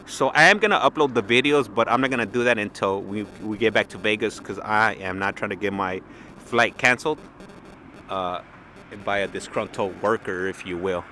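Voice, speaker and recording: Guy rambling through a story, lots of you know and like, lowish voice with a sharp edge, bit of noise behind. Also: moderate pace. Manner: loose and chatty, full of fillers and restarts. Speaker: plane-spotting livestream host.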